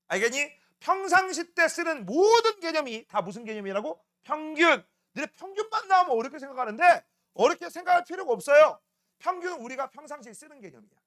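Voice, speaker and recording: Middle-aged guy teaching a class, high bright voice, teases the kids a lot, keeps asking "right?". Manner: rough, teasing banter with students, frequent tag questions. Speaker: science academy teacher. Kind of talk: classroom lecture.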